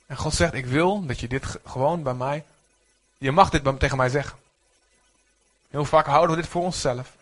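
Male pastor, lively sermon delivery, slightly high-pitched voice. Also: normal speed. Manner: animated, rising to near-shouts when voicing prayers; speaks to the congregation, asks for amens.

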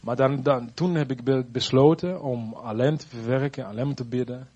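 A man giving a personal faith testimony, halting and searching for words, earnest and reflective. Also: mid-range voice, darkish tone, husky, lo-fi sound.

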